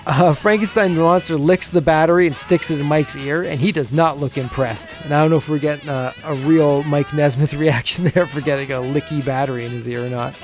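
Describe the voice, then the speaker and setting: A man's voice: fairly high pitch, fairly even intonation, fairly quick, few pauses, faint music behind. Chuckling man recapping on a podcast. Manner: chuckles often while recapping. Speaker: podcast co-host. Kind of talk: casual episode recap.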